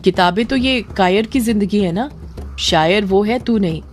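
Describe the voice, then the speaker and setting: A woman's voice: mid-range voice, normal speed, faint music behind, natural voice. A woman voicing a cheeky young male friend who teases and mocks in a storybook tale. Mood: teasing.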